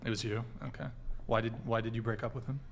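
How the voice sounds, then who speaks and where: A man with a mid-range voice runs a podcast panel, firing off questions one after another in a brisk, methodical way. His delivery is businesslike and direct. A faint hiss runs underneath. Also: mid-range voice, little pitch movement. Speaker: podcast host. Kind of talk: podcast interview.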